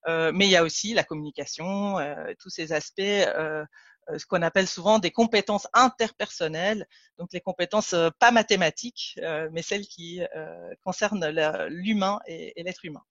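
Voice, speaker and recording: A trainer and consultant from Ticino, Switzerland, a native Italian speaker, runs an online training webinar full of fillers and restarts. Her voice is lowish and fairly bright at a moderate pace, with no room sound, captured as dull, lo-fi, dry call audio.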